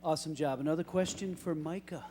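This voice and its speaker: A male host running an audience question session, upbeat and brisk, in a large church hall. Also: fairly high pitch, warm tone. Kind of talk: hosting audience Q&A. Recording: reverberant hall with crowd noise.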